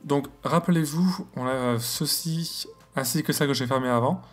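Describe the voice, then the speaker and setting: Man with an English accent explaining software. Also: medium pitch, normal speed, faint music behind. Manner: casual, hesitant with many fillers and self-corrections. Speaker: astrophotography tutorial host. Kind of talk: screen-recorded software tutorial.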